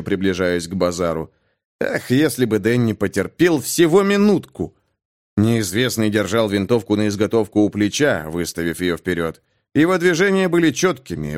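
A man reading a thriller novel aloud as an audiobook narrator, with expressive, dramatic delivery. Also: medium pitch. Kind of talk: scripted narration.

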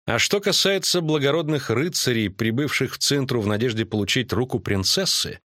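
A man reading an audiobook voices a proud, commanding queen with a measured, imperious delivery. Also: medium pitch, a bit bright, dry recording, clean studio sound, voice pushed up, close to an everyday voice. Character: proud stern queen, middle-aged woman, commanding.

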